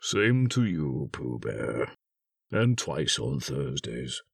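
A man's voice: very deep voice, wildly swooping pitch, drawn-out words, gravelly, a bit bright, slightly rough, no room sound, clean studio sound, distant mic, pitched below the performer's own voice, full character voice. A man voicing a gloomy, grumbling old donkey who drags out his words in a dreary mutter for a children's storybook.

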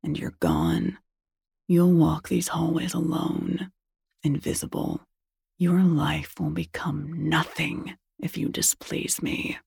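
Whispering menacing man, woman narrating, husky and dry. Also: lively intonation, slow, a little mellow, no room sound, exaggerated voice. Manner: low menacing murmur.

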